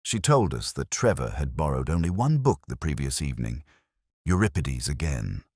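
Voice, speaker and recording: A man playing a weary, reflective police inspector, narrating his case in a measured, literary, melancholy way for an audio drama. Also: very deep voice, very animated, darkish tone, husky, no echo, clean studio sound, heavily acted. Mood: observant, wry. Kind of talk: scripted first-person detective narration, audio drama.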